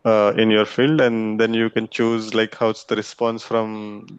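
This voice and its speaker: A man's voice: lowish voice, monotone, unhurried, clean tone, no echo, dull audio. A man speaking casually as a guest on a video call.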